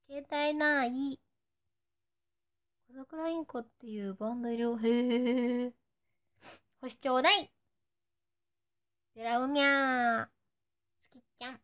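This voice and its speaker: On a casual live stream, a playful young woman with a Nagoya accent chats and voices short cutesy phrases for fans. She speaks at normal speed in a fairly bright, highish voice, pausing at length.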